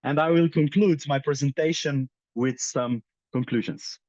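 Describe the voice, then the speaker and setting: A man's voice: fairly high pitch, measured pace, darkish tone, no echo, lo-fi sound. A young man from Slovenia giving a conference presentation as head of a ski demo team, hesitant with many fillers. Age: young adult.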